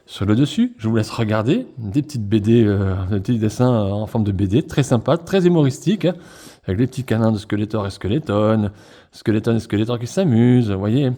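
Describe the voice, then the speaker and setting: Chatty man with a mellow low voice. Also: expressive, fairly quick. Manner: enthusiastic, chatty, many fillers and self-corrections. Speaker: toy collector reviewing a figure pack. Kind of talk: casual unboxing review.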